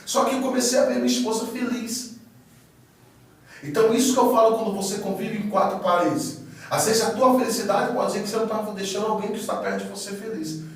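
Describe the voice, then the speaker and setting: A man giving a casual spoken testimony as a guest, animated storytelling that acts out quoted dialogue. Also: high-pitched, quick pace. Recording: echoey room, far from mic, faint noise.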